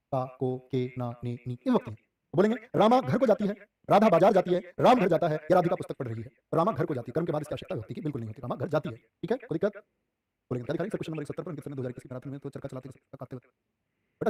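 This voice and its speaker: A male coaching teacher runs a live online class at a rapid clip, firing one question after another at his students. His voice is high and mellow. He sounds set back from the mic. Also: recorded from a distance. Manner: rapid, repetitive questioning, calls students "dear children".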